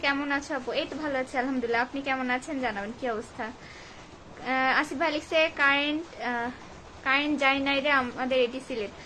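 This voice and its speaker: A woman's voice: high-pitched, fairly bright tone, a little hiss or hum, low-quality recording. A woman chats informally on a live stream, reading out viewers' comments and answering them with casual grumbling. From Bogura district, Bangladesh. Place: at home during a storm and power cut.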